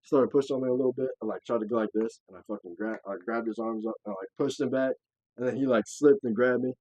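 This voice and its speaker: Young male podcast host, husky and dry, tells stories loud and animated. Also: medium pitch, quick pace, no room sound, low-quality recording. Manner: animated storyteller, acts out quotes, swears, laughs often. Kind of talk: casual chat.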